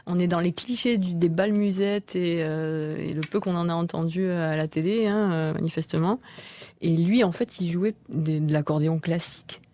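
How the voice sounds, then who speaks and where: Female soprano guest, friendly, speaks in a fairly low voice on live radio. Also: normal speed, warm tone, a little hiss or hum.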